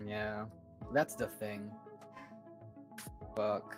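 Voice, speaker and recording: A young adult co-hosting a livestream in casual chat, with a hesitant, halting delivery that repeats words. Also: medium pitch, level tone, soft background music. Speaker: livestream co-host with own channel.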